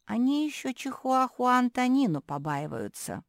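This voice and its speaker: Storybook: a flustered, whining pug seamstress, raised pitch, read by a woman. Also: very animated, moderate pace, gravelly, dry recording, clean studio sound. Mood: whiny. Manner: whiny and flustered. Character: fussy seamstress pug sister, young woman.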